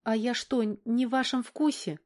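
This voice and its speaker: Valka, a woman putting on a high cheeky young girl. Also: fairly even intonation, moderate pace, a little mellow, close to an everyday voice. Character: young girl, frightened, then cheeky and defiant.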